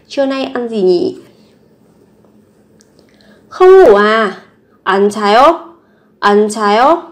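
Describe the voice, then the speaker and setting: Young vietnamese woman teacher, bit high voice, patient, repeats each phrase a few times. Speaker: Korean language teacher. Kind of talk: language lesson explaining phrases.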